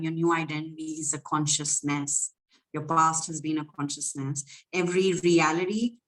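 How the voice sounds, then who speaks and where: Lady coach on a livestream, kinda low voice, soft and teary, repeats herself a lot. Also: poor audio. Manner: soft, emotional, flowing, repetitive phrasing. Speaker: spiritual coach.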